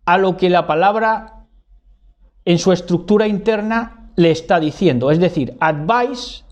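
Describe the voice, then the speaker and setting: A man's voice: high-pitched, a little mellow. A man giving a didactic monologue, repeating key words and tagging his points with "¿verdad?". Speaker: lecturer.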